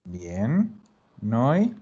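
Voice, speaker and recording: A man's voice: medium pitch, huge pitch swings, very slow, dark tone, breathy edge, muffled recording. A man teaching an online language class, explaining patiently and often checking that students follow. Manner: patient, repeats and checks understanding with "¿ya?". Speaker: Italian teacher.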